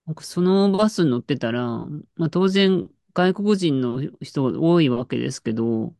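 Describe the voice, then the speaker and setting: A woman's voice: deep voice, lively intonation, moderate pace, mellow, no room sound. A woman in casual chat, telling an anecdote with lots of fillers and restarts. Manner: storytelling with frequent fillers and laughs.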